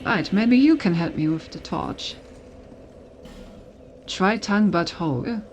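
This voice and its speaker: A woman's voice: mid-range voice, expressive, slow pace, noisy background. A woman game streamer giving casual gameplay commentary, thinking aloud as she goes. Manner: thinks aloud, reads on-screen text.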